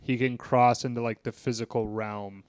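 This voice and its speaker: A man co-hosting a podcast in a studio, chatty and quick to interject and correct the others. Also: mid-range voice, steady tone, crowd noise. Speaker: podcast co-host. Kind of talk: casual chat.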